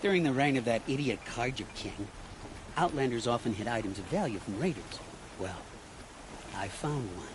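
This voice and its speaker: A man's voice: mid-range voice, expressive, moderate pace, lightly acted. An actor playing a sly, scheming male scavenger in a video game, wheedling and theatrical, over game audio with background noise.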